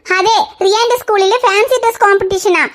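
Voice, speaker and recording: A fussing cartoon mother, played by a woman who scolds in an exasperated way. Her voice sits extremely high and squeaky, almost childlike. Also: fairly even intonation, moderate pace, fairly bright tone. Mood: explaining. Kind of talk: cartoon voice acting.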